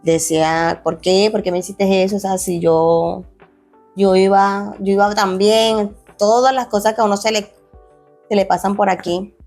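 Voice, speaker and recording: A woman's voice: mid-range voice, steady tone, moderate pace, a little mellow, soft background music. A young adult woman, a former athlete turned fitness coach, earnestly tells her life story in an interview, often restarting phrases and acting out quoted dialogue. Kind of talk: emotional personal storytelling.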